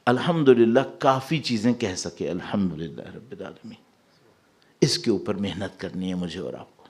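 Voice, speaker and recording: A man giving a religious sermon as a cleric, mixing English words into his talk and reciting Arabic verses slowly, swinging from emphatic peaks to soft low asides. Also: expressive. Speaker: Shia cleric giving a Muharram majlis.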